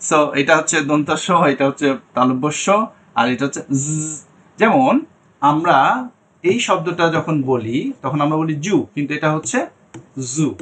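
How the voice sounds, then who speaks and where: A man's voice: a little high, a bit bright, husky. A young man teaching an online English pronunciation lesson, explaining each sound and repeating it, and often checking that the class follows.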